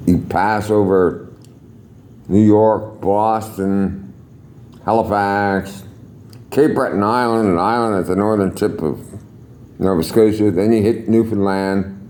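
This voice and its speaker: An older man, a retired air traffic controller, telling stories to camera in a salty, swearing, lively way. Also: lowish voice, takes it slowly, long pauses. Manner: salty, swears freely, chuckles, lively storyteller. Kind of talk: casual storytelling to camera.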